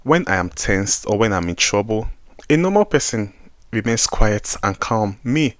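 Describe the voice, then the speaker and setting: A young man with a Nigerian accent, talking a lot as he tells a personal story, jumping between loud bursts and hushed asides. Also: fairly low pitch, expressive, moderate pace, no room sound. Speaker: vlogger.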